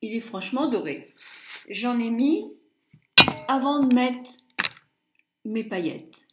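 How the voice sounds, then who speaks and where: A woman's voice: fairly high pitch, animated, takes it slowly, a little mellow, reverberant, slight background noise. A middle-aged woman chatting through a makeup palette review, muttering asides and stumbling over English names. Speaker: beauty blogger.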